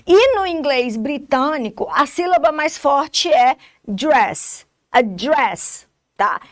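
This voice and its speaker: A Brazilian Portuguese-accented English teacher with a high voice takes her recorded lesson slowly, in a sing-song way. She goes step by step and regularly checks understanding with brief tags, and the sound is close and dry, free of room sound.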